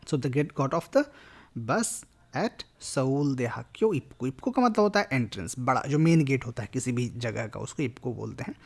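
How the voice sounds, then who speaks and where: Male language tutor, gravelly voice, mid-pitched, explanatory lecture delivery. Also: expressive, normal speed. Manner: mixes Hindi and English while explaining Korean grammar. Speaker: Korean language teacher. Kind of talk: explaining a lesson.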